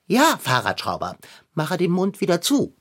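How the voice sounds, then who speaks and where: A man's voice: high-pitched, huge pitch swings, moderate pace, a bit bright, heavily acted. Man playing a pompous, lofty house cat. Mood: boastful, grand. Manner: old-fashioned, lofty phrasing. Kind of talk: children's audio drama.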